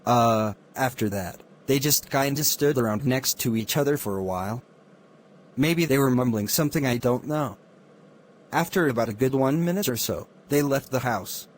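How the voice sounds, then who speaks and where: A man's voice: medium pitch, moderate pace, lightly acted. A man playing an ordinary, unsure neighbour giving a witness statement in a murder mystery film. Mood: hesitant.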